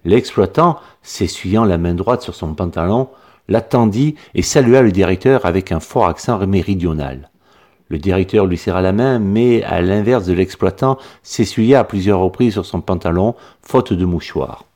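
Lowish voiced guy reading a storybook, bouncy expressive delivery. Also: normal speed. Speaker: narrator.

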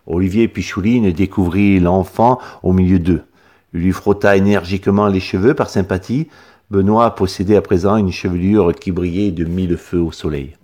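A man reading a humorous story aloud in a lively, expressive way. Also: low-pitched. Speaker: narrator.

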